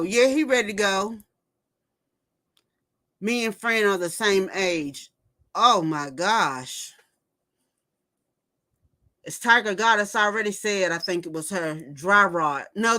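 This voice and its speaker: A woman's voice: medium pitch, takes it slowly, sharp tone. A woman in her fifties hosting a casual livestream, gossiping and reading viewer comments aloud before reacting to them. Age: 50s. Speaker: livestream host. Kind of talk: casual chat.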